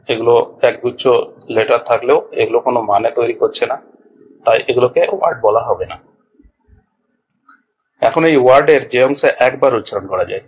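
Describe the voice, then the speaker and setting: This man has a husky, mid-range voice and teaches basic grammar with patience, breaking every point into steps. He repeats himself and checks with his students using phrases such as "all right." The sound, picked up by a small clip-on mic, is low quality.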